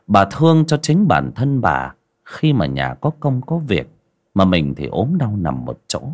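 A man narrating a dramatic audio story in an expressive reading style. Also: on the low side, a little slow.

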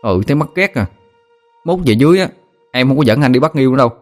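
A man's voice: mid-range voice, lively intonation, fast talker, faint music behind, pitched above the performer's own voice, close to an everyday voice. A man with a Southern Vietnamese accent voicing a young village boy who pouts, whines and boasts. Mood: sulky. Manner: pouting, whiny, cocky.

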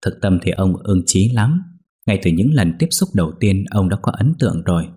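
A man narrating a ghost story in a steady, measured way. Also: sits low, slightly rough.

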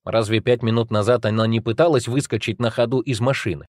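A man's voice: medium pitch, fairly even intonation, fast talker, a little mellow, dry recording, studio quality. A man narrating a novel in the first person, with a wry, agitated and confessional delivery. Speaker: audiobook narrator.

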